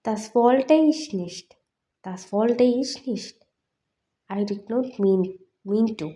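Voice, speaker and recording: A woman teaching a lesson, saying each phrase twice slowly and then explaining its meaning. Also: a little high, mellow. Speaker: language teacher. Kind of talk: explaining in Malayalam.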